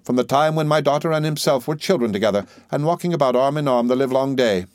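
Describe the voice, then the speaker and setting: A man's voice: expressive, normal speed, darkish tone, no echo, clean studio sound, lightly acted. A man voicing a fussy, overbearing old widow who gushes and talks with heavy emphasis. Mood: gushing. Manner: shrill, emphatic, gushing. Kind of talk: audiobook character reading.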